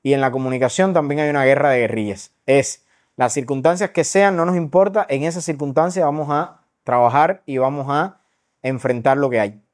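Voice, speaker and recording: A man's voice: mid-range voice, moderate pace. A young Cuban man with a Cuban Spanish accent, a journalist giving earnest, argumentative interview answers and often checking in with tag questions. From Cuba. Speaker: journalist and social media commentator.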